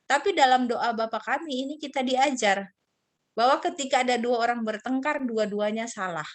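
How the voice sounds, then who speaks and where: A woman's voice: fairly high pitch, moderate pace. A middle-aged woman giving a casual children's sermon over a video call, explaining forgiveness and now and then acting out squabbling kids and God in raised, playful voices.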